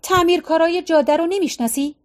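A woman's voice: extremely high pitch, pitched above the performer's own voice. A woman reading aloud as a fussy, stubborn middle-aged husband who grumbles and nags. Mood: grumbling. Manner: complaining, nagging.

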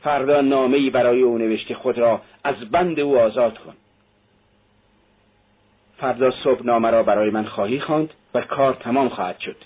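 A husky-voiced man reading a novel aloud, voicing a feverish, irritable young man who speaks in curt, agitated bursts. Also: mid-range voice, lightly acted. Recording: tinny phone-like sound.

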